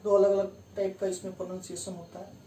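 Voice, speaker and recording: Woman grammar teacher, patient step-by-step explainer, mellow tone, far from the mic in a roomy space. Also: mid-range voice, flat delivery, fast. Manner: explains step by step, repeats key terms and says "theek hai" to check understanding. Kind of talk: classroom lesson explaining grammar rules. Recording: distant roomy mic with faint room hum.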